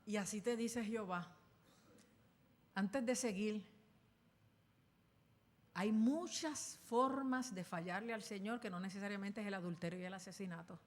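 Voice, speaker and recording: A woman pastor delivering a dramatic sermon, with sudden loud bursts as she acts out the voices she quotes. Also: mid-range voice, measured pace, long pauses. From Puerto Rico. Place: church sanctuary. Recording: long reverb in a church hall.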